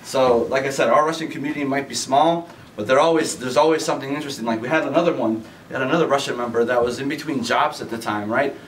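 A man's voice: medium pitch, fast, fairly bright tone. A man who works as a community manager tells a rambling, casual anecdote in an interview. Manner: chatty, rambling storyteller. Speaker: community manager at a game store. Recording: distant mic with faint background noise.

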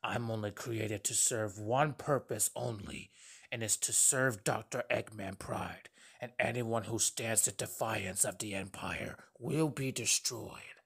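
A man voicing a menacing, arrogant android hedgehog with a gravelly, husky voice, delivering grandiose threats like a video game villain. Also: on the low side, unhurried, a bit bright, exaggerated voice. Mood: cold menace. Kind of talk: video game character voice demo.

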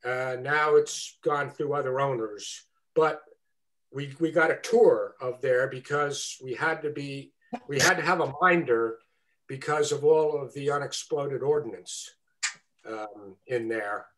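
A man's voice: medium pitch, a little slow, a bit bright. A man speaking as guest presenter on a video call, answering questions with frequent fillers and restarts.

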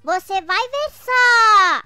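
An actor voicing a hot-tempered little girl, indignant and quick to threaten, in a children's comic dub. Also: extremely high pitch, lively intonation, pushed and bright, dry recording, faint music behind, exaggerated voice. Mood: angry.

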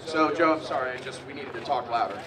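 A man's voice: mid-range voice, fast. A man, the event organizer, speaking to a crowd outdoors, fired up and thanking the sponsors. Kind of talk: speech to a crowd. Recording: distant mic with loud crowd.

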